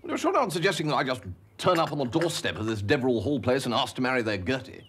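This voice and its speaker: A chirpy young upper-class Englishman who talks fast with a husky edge. His voice bounces wildly up and down as he chatters breezily in this period TV comedy. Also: mid-range voice, sing-song, a bit bright. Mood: protesting. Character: cheerful, dim young upper-class gentleman.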